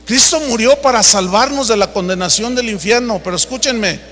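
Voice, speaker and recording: Preacher, very high bright voice, emphatic storyteller, roomy hall reverb. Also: male voice, fairly quick. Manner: storytelling, emphatic, direct address to the congregation. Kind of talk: sermon.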